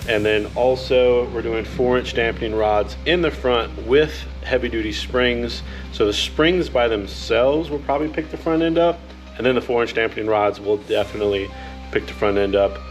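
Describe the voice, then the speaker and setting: A man's voice: medium pitch, moderate pace, faint music behind, low-quality recording. A man giving casual how-to narration as he works, with a tongue-in-cheek, wry way of talking. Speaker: host of a DIY motorcycle garage video.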